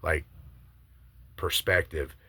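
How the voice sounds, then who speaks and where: A man with a very low, forceful voice eagerly pitches a movie idea. He talks in a casual, emphatic monologue like a video host sharing strong opinions, swearing freely. The sound is close and dry. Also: steady tone, slow pace, slightly rough, no echo.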